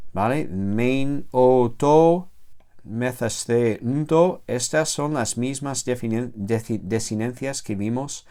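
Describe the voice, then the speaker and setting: A man teaching a grammar lecture, slow and halting, with many self-corrections and filler sounds, drawing out the word forms he spells. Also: mid-range voice, a little mellow. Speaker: theology teacher.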